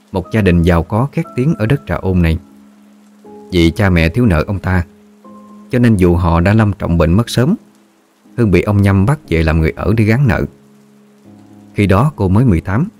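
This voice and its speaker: Deep-voiced male storyteller. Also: warm tone. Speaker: narrator. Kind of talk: scripted ghost story narration.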